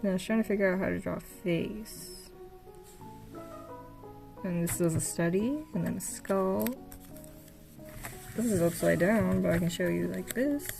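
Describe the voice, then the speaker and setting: Over game music playing in the background, a young female art vlogger narrates a casual look through her old sketchbooks. She speaks a little slowly at a fairly low, creaky pitch, pausing often. Soft-spoken and full of fillers, she sounds hesitant and increasingly tired.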